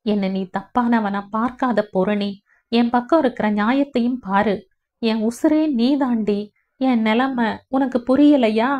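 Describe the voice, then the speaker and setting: A woman's voice: medium pitch, steady tone, a little slow, lightly acted. A woman voicing a possessive, lovesick young village man who pleads earnestly in a storybook reading. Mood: pleading. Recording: dull lo-fi audio.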